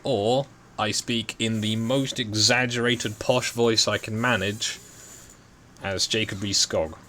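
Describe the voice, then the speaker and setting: A man's voice: fairly low pitch, fairly even intonation, takes it slowly, pushed and bright, a little hiss or hum. A man chatting casually as the host while playing a game. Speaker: gaming streamer. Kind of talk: casual chat while gaming.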